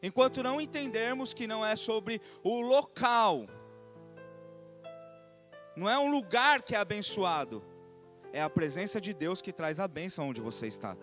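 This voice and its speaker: A man, a bishop with a Brazilian Portuguese accent, preaching to his congregation in church, dropping to soft asides and rising to shouts, often asking the crowd questions. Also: high voice, lively intonation, moderate pace, long pauses, soft background music. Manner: asks the congregation rhetorical questions. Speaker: bishop and pastor. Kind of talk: preaching a sermon. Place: church sanctuary.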